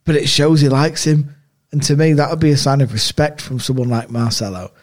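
A man's voice: a little high, steady tone, fairly quick, darkish tone. A man on a football podcast, mixing dry one-liners with earnest opinions. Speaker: podcast co-host. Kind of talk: casual football podcast chat.

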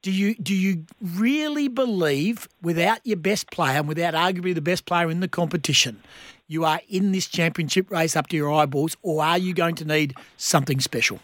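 A blokey Australian man interviews on sports radio. His voice sits high for a man and sounds dry, with no room around it. He talks colloquially and matily. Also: moderate pace, a bit bright, no room sound.

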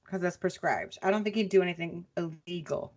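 Podcast lady going over the news, lots of ums, easygoing. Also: lowish voice. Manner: conversational, relaxed with many "um" pauses. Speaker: podcast co-host. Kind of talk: casual chat and news recap.

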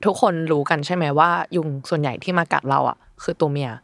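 Thai podcast host lady, lowish voice, chatty, laughs a lot, dry close mic. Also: fast talker, dry recording. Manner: chatty, laughs easily, explains facts. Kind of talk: casual podcast chat.

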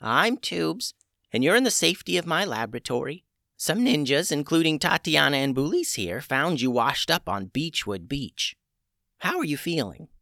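Man playing old witch woman, brisk, unfazed, storybook, dry sound. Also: a little high, big pitch swings, creaky, bright, forceful tone, no room sound, pitched above the performer's own voice, full character voice. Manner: brisk, matter-of-fact.

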